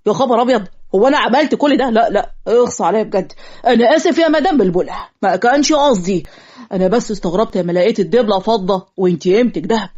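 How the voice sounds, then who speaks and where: A woman's voice: fairly high pitch, darkish tone, husky. A woman with an Egyptian accent voicing a clumsy, teasing young male marriage officiant in a cartoon story. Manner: teasing, quick comic retorts. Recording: lo-fi muffled audio.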